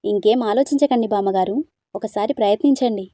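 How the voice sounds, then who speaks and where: A woman voicing a gentle, teasing young man in a storybook reading, earnest and coaxing. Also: medium pitch, brisk, dry recording, natural voice.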